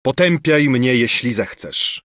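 A man's voice: mid-range voice, expressive, slow pace, fairly bright tone, no room sound, clean studio sound. A man voicing a hot-blooded young nobleman who speaks with passionate insistence in a read-aloud story.

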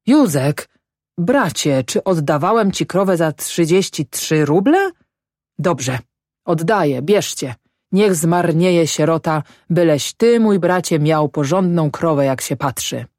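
A woman reading an audiobook and voicing a drunk, tearful older village headman who pleads and sobs, pitched higher than her own voice. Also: animated, takes it slowly, darkish tone, dry recording, clean studio sound. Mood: weepy. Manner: tearful, pleading, self-abasing. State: sobbing, drunk.

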